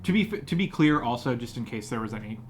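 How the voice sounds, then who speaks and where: A man narrating a tabletop game as game master, improvising haltingly as he describes the scene. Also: medium pitch, animated. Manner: halting, searching for words as he describes. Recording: slightly noisy room recording.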